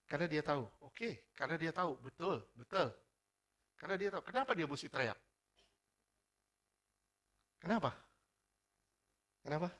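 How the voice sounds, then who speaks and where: A man preaching a sermon as pastor, energetic, firing rhetorical questions at the congregation and mixing formal preaching with casual slang. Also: fairly high pitch, fast talker.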